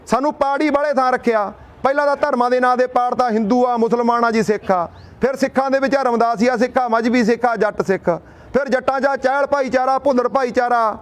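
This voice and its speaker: A man's voice: very high-pitched, steady tone, fairly quick. A young man addressing a gathering in a rousing speech, asking and answering his own rhetorical questions and telling a folk tale. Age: young adult.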